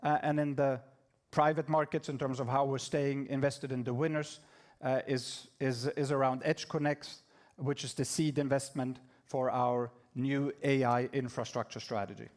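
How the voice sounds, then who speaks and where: A man giving a prepared corporate presentation to investors in a conference room, measured with occasional fillers and restarts. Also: medium pitch, flat delivery, a little mellow. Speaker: executive presenting at investor event.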